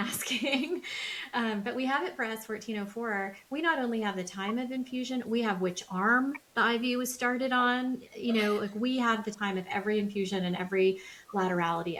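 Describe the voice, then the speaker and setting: A woman's voice: medium pitch, rough recording. Chatty American woman doctor, faint hiss. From United States. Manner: chatty, quick, joking asides. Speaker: podcast co-host, melanoma doctor. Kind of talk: casual podcast discussion.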